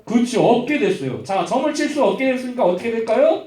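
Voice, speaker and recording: A man's voice: very high-pitched, quick pace, distant mic. Man preaching animatedly to children. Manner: animated storytelling, quizzing children by name. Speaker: children's pastor. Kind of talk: Sunday-school sermon to children. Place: church hall. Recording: roomy church hall, voice from afar.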